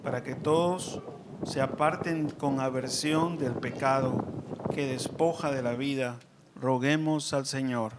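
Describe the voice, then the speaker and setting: A man speaking as a priest at Mass, in a measured, solemn way with pauses between short phrases. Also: medium pitch, steady tone, very noisy. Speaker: priest preaching and leading prayers at Mass. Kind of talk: sermon and liturgical prayer. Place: church during Mass.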